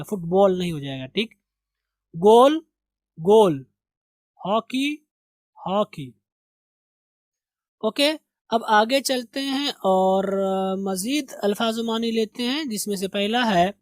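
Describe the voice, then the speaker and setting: A man from India teaching an English lesson. He repeats vocabulary words slowly and corrects pronunciation as he goes. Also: sits high, no room sound. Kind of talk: spoken language lesson with vocabulary drills.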